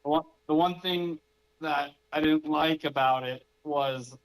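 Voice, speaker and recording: A relaxed man speaks as a guest on a casual call-in interview. His voice sits a little high, and he explains things in plain, easygoing terms. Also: a little slow, low-quality recording.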